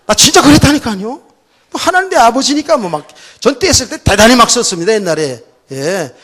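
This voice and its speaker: A middle-aged man, a pastor, telling a personal story in a sermon, swinging between loud outbursts and soft, low asides. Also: big pitch swings, a little fast. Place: church sanctuary.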